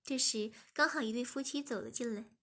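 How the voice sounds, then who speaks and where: A woman reading a story aloud in soft, even scripted narration. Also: fairly high pitch, a little fast. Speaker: story reader.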